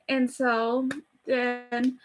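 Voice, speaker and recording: High-voiced chatty woman rambling fast. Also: poor audio. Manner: chatty, rushed, self-deprecating, rambling. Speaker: YouTuber reviewing a movie. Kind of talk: casual rambling review. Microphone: camera facing her.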